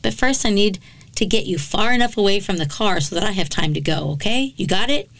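A woman's voice: mid-range voice, expressive, brisk, a bit bright. A woman reading the lines of a resentful, threatening male criminal in a true crime story, in a coarse manner. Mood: falsely calm. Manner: coarse, threatening, self-justifying.

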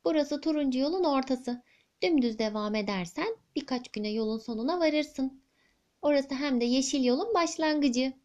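A woman voicing a busy, boastful giant mouse who talks in a brisk, self-assured way. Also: sits high, expressive, darkish tone, highs cut off. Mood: matter-of-fact.

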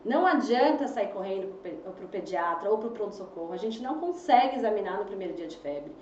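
A woman's voice: medium pitch, expressive, fast talker, darkish tone, a little hiss or hum. A young adult Brazilian woman, a pediatrician chatting as a guest, who acts out anxious parents in whiny voices. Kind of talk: casual interview chat. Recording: roomy, distant, muffled recording.

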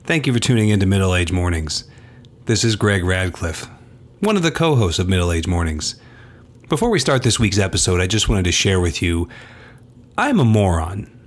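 A man's voice: deep voice, sing-song, moderate pace. A man co-hosting a podcast in casual, rambling, self-deprecating talk. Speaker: podcast co-host. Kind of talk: casual chat and announcements.

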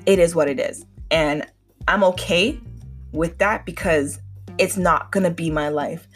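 A woman in her twenties talks through her own podcast, candid and chatty, slipping in "like" and "um" constantly. Her voice sits a little low for a woman and carries a faint sickly edge. Soft music plays faintly underneath. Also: slightly rough. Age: 20s. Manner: candid and chatty, many fillers. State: slightly sick. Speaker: podcast host. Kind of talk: casual solo podcast talk.

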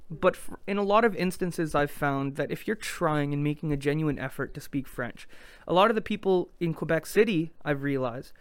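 A man's voice: a little high, clear, resonant tone, dry recording. A man hosting a podcast, talking in an earnest, reflective way and often restarting his sentences. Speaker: podcast host. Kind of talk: casual conversation.

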